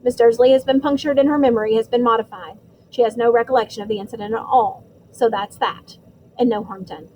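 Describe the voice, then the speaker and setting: A portly middle-aged official with a lowered, clipped voice, pompous and quick to turn testy, as a woman reader puts him on. He talks in a pointed, self-important audiobook manner. A faint hiss sits under the voice. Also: fairly even intonation, a little mellow, natural voice, poor audio. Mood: reassuring.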